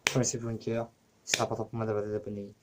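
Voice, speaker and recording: A man's voice: on the low side, level tone, rapid-fire, heavy background noise. A man talking casually to his camera for his own channel, rambling and cursing with many fillers. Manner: rambling, profane, full of fillers. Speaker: YouTuber.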